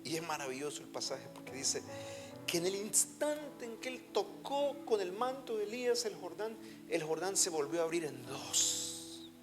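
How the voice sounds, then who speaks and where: Fervent higher-voiced male pastor preaching. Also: big pitch swings, moderate pace. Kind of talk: sermon. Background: soft music.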